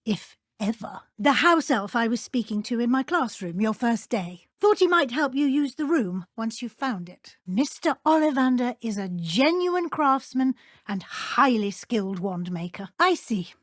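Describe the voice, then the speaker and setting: An actress playing a brisk, stern but encouraging middle-aged British witch professor in a video game, speaking formally and precisely. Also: fairly high pitch, very animated, no room sound, studio quality. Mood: explanatory. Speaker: transfiguration teacher. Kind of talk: scripted video game dialogue.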